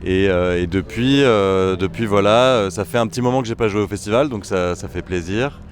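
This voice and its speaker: A man's voice: fairly low pitch, normal speed. A young man, a musician, talking casually in an interview with many hesitant fillers and restarts. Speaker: trombonist and bandleader. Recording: music faintly behind.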